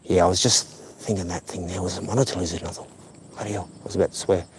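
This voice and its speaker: A man's voice: low voice, fairly even intonation, racing, background noise. A middle-aged man, live-streaming as he walks outdoors by a lake, chatting in a meandering, self-deprecating way full of fillers. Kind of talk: casual rambling live stream chat.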